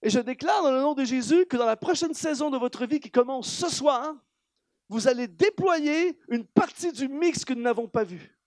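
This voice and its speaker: A high-voiced man preaching with a Canadian French accent, animated and emphatic, firing off rhetorical questions at his congregation. His voice is recorded close and dry, with little room sound around it. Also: moderate pace, no echo. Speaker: guest preacher. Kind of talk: sermon. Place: church hall.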